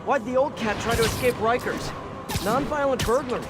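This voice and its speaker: A man's voice: very high voice, fairly quick, loud music behind the voice. An American man playing a quippy, earnest young superhero in a video game, talking in a wry, casual way. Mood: wry, focused. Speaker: video game lead character. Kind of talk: video game voice acting, conversational.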